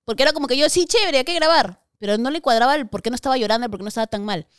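Fast-talking Peruvian woman. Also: on the high side, clear, resonant tone, no room sound, clean studio sound. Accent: Peruvian Spanish. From Peru. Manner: animated, laughs often, acts out quoted voices. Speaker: podcast guest. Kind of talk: casual storytelling chat.

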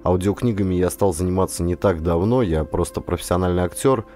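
Soft music plays behind a man whose mellow voice sits low and moves briskly. A professional actor, he narrates an audiobook dramatically like a storyteller, going from scripted passages to direct words for the listeners.

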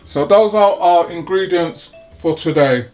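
A man hosting a home cooking video, talking slowly and haltingly through each step of a recipe in his kitchen. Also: fairly high pitch, a little mellow. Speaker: cooking channel host. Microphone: off-camera, hands-only framing. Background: sizzling wok, faint music.

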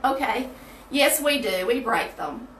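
A woman's voice: a little high, expressive, measured pace, fairly bright tone, far from the mic. A woman leading a folksy, chatty Bible study, her voice ringing hollow off the walls of a small bathroom. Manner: chatty, folksy, talks straight to viewers. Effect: echoing, hollow room sound. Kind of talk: casual livestream Bible study. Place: small tiled bathroom, indoors. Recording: echoey bathroom, off-mic, faint hiss.

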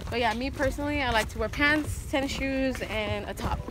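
A woman's voice: high voice, fairly quick. A young woman in her twenties giving fitness tips while walking a hillside trail, talking casually with many "um" fillers. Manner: chatty, lots of "um" fillers. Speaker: fitness vlogger. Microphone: camera carried alongside while walking.

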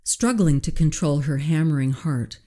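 A woman narrating a novel excerpt in a measured, expressive reading. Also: sits low. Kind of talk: audiobook reading.

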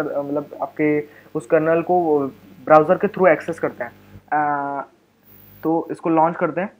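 A young man with an Indian accent giving a casual, chatty coding tutorial, with many fillers and restarts. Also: fairly high pitch. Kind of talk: casual screen-recorded tech tutorial.

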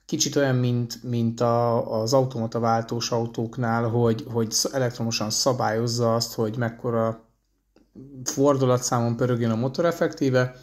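A man rambling conversationally in a casual vlog, pausing often with hesitation fillers. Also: medium pitch, level tone, no room sound. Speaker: delivery van driver vlogger.

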